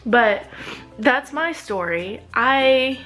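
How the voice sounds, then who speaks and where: A woman's voice: sits high, expressive, drawn-out words, bright, forceful tone, faint music behind. Fired-up young woman ranting. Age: young adult. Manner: indignant, swears freely, many fillers. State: agitated and sleep-deprived. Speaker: vlogger, graduate student. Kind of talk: casual storytelling vlog.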